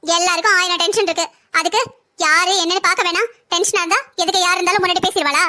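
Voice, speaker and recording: A woman voicing a bossy, sharp-tongued older sister-in-law who taunts and scolds in a cartoon family story. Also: very high-pitched, steady tone, quick pace. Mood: scolding.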